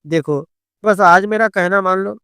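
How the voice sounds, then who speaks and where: A man's voice: high voice, a little slow, pushed and bright, clean tone, no room sound, clean studio sound, exaggerated voice. A man voicing a coaxing, teasing husband in a storybook tale, pleading with his wife.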